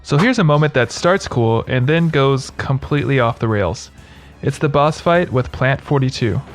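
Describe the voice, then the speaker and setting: A man's voice: mid-range voice, expressive, normal speed, faint music behind. Sarcastic male video narrator. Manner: sarcastic, mocking. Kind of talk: scripted humorous commentary.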